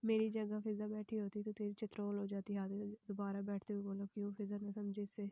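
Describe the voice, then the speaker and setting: A woman reading a romance novel aloud in a soft, breathy voice that sometimes drops to a whisper. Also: mid-range voice, monotone, brisk, no echo. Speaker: novel reader.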